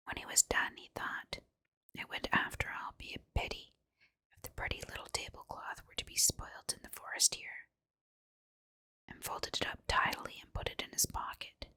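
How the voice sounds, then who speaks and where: A woman reading a fairy tale in a breathy ASMR whisper, as a measured, deliberate storybook narrator. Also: sharp tone. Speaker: host and reader of fairy tales.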